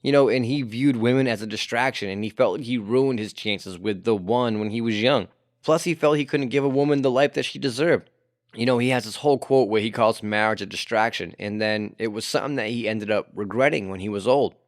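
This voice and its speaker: A man's voice: medium pitch, fairly quick, no room sound, studio quality. A man hosting a casual history podcast, talking conversationally with lots of swearing and "you know" fillers. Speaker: podcast host.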